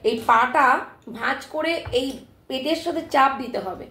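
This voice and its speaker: Woman live-streamer, high voice, sore throat, animated storytelling, echoey room. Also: moderate pace. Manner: animated, emphatic retelling with frequent "ঠিক আছে?" check-ins.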